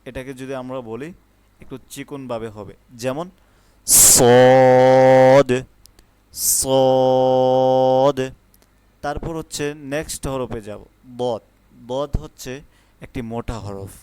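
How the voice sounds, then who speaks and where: Slow, clear-voiced male teacher. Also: mid-range voice. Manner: slow and patient, calls out each letter loudly and drawn out. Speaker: Arabic alphabet teacher. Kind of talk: online pronunciation lesson.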